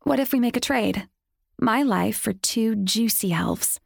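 A woman's voice: a little high, gravelly, no room sound, clean studio sound, voice pushed up, exaggerated voice. A woman voicing a cackling old hag. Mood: mocking. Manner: slow, mocking and sing-song.

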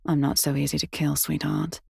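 A woman's voice: deep voice, little pitch movement, brisk, gravelly, mellow, husky, no echo, studio quality, pitched below the performer's own voice, full character voice. A woman voicing a smug man who taunts his prisoner. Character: smug male captor, taunting.

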